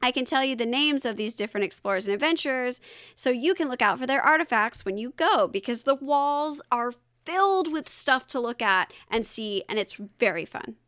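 Giggly high-voiced woman podcast host. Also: normal speed, no room sound, clean studio sound. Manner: giggly, animated storyteller. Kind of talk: casual chat.

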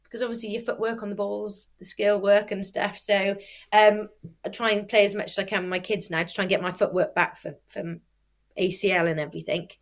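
Speaking briskly in a level, medium-pitched voice, an athlete who also coaches youth sports gives a relaxed interview. She has trouble with her R sounds, saying w instead, and illustrates her points with examples and self-corrections.

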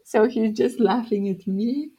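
A young woman from Bulgaria, guesting in an informal interview, speaks with a Bulgarian accent, unhurried and often laughing. Her voice is a little high, warm and husky, captured on a rough recording.

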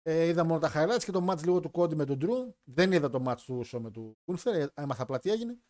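Guy hosting a live stream, jokey and rambly, kinda high voice. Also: lively intonation, darkish tone. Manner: chatty, joking, rambling with restarts. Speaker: wrestling podcast host. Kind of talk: casual chat on a live stream.

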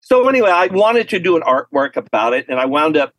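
A man from Texas, an artist being interviewed, telling stories in a lively, laughing way. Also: fast, no room sound, rough recording. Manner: animated, laughing storyteller with lively pitch swings. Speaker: artist guest. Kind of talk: casual storytelling interview.

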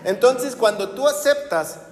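A man's voice: very high-pitched, animated, a little slow, echoey room, in a large hall. A man preaching a sermon as pastor, talking conversationally with rhetorical questions.

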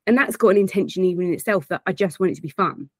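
A middle-aged woman coach with a low voice talks direct and emphatic in a casual interview. Her voice is recorded close and dry, with no room sound. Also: rapid-fire, darkish tone, no room sound. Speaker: guest, performance and corporate coach.

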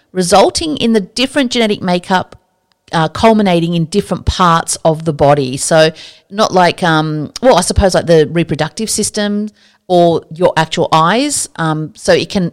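A woman hosts a casual science podcast with a slightly low voice. She explains topics with chatty enthusiasm and often drifts into personal asides. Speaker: podcast host.

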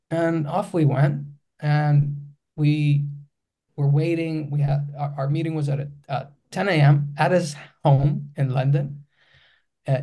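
A man from Greece with a Greek accent talks through an interview as a filmmaker guest, often stumbling and restarting mid-sentence. His voice is somewhat high for a man, gravelly and mellow. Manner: hesitant, many restarts and fillers.

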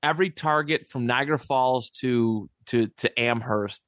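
A man's voice: medium pitch, moderate pace, a bit bright, dry recording, studio quality. A man hosting a casual sports podcast, rambling and laughing often. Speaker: podcast host.

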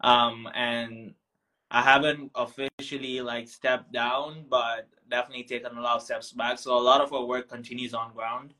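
A man's voice: mid-range voice, little pitch movement, moderate pace, pushed and bright, poor audio. A young man from Tanzania, a founder talking as a guest in a casual interview, reflective and full of ums and restarts. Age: young adult.

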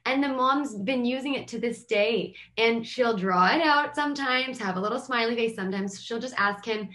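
A woman's voice: a little high, normal speed, fairly bright tone. A young adult woman, a child therapist, explaining things in a casual, chatty way with frequent filler words. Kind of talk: casual advice chat.

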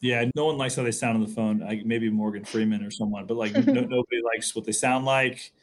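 A man hosting a casual interview, relaxed and asking questions with a few restarts. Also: fairly low pitch, brisk. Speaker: interview host.

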